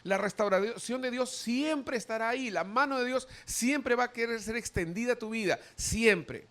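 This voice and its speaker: A male pastor preaching a sermon, animated, acting out quoted voices as he goes. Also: extremely high pitch, normal speed.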